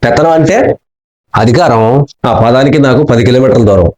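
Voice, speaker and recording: A man trading quick jokes in a comic question-and-answer skit, teasing with punchline replies. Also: mid-range voice, very noisy. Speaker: comedian.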